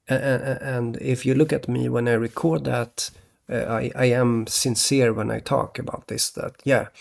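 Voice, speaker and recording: A man from Sweden, rambling in a halting monologue to his viewers, restarting often and tagging "okay?" onto his points. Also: mid-range voice, gravelly. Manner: halting, many restarts, keeps adding "okay?". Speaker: vlogger.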